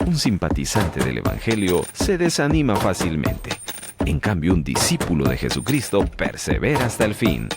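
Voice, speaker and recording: A man's voice: low voice, wildly swooping pitch, normal speed. A man reading a scripted radio promo voice-over in a solemn, declamatory manner. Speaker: station promo announcer. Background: loud music.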